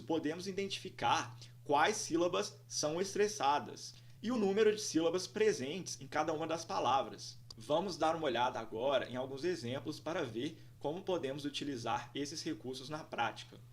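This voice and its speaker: Careful male pronunciation teacher. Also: fairly high pitch. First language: Portuguese. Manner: slow, careful, repeats example words for drilling. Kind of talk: scripted lesson narration.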